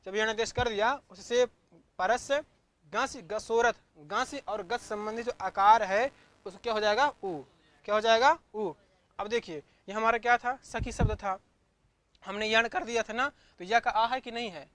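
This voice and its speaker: A woman's voice: fairly high pitch, fairly even intonation, unhurried, a bit bright. A woman teaching an online grammar class, drilling each step by asking a question and answering it herself, over and over. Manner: repetitive, step-by-step explanation.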